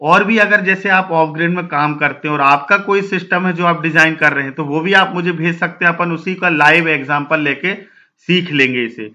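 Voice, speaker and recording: A man's voice: on the high side, brisk, pushed and bright, lo-fi sound. A man hosting his own channel, teaching a technical lesson and working steadily through examples one step at a time. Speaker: solar instructor and channel host.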